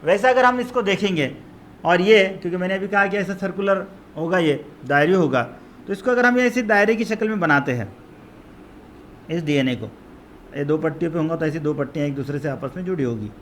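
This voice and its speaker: A man's voice: sits high, animated, a little fast, a bit bright, slight background noise. A man with an Urdu accent from Maharashtra giving a biology lecture, explaining terms twice in Urdu and English. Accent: Urdu-speaking, Maharashtra. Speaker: biology teacher. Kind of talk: classroom lecture.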